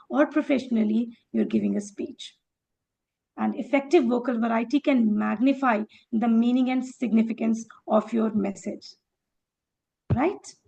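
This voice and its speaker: A woman's voice: a little high, creaky, mellow. A woman leading an interactive speaking workshop, encouraging participants by name and acting out phrases in different tones to show how they change. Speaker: workshop educator.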